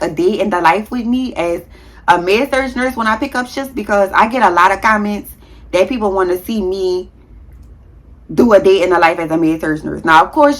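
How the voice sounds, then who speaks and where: A woman in her thirties, a nurse, chatting casually to her viewers in a vlog, talking fast with a heavy tongue and sometimes tripping over words. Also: mid-range voice. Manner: frank, slangy, addresses viewers as y'all. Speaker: nurse and content creator.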